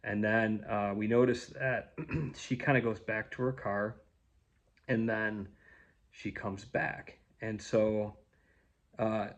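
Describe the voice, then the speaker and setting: A man's voice: lowish voice, fairly even intonation, slow, dull audio. A man telling a faith testimony in a casual, rambling way, with many fillers and restarts. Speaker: storyteller sharing a faith testimony.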